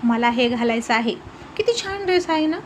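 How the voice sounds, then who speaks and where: A woman's voice: fairly high pitch, animated, normal speed, slight background noise, lightly acted. A woman voicing a tipsy young wife who talks in a childish, pleading, petulant way in a storybook reading. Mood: drunk, whiny. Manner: sing-song, pleading, petulant. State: drunk. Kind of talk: storybook narration.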